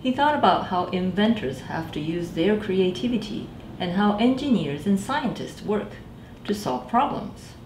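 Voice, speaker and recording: In a small indoor library room, a librarian in her thirties reads a picture book to children, addressing them directly and giving each character its own voice with animated energy. She has a mid-range voice and a slightly slow pace; the room sounds echoey, with faint noise behind her.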